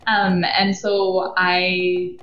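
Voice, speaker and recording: A woman's voice: on the low side, completely flat delivery, extremely slow. A woman in her thirties, from Belgium, a podcast guest who talks casually with many fillers and restarts. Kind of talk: casual interview. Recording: echoey, muffled podcast audio.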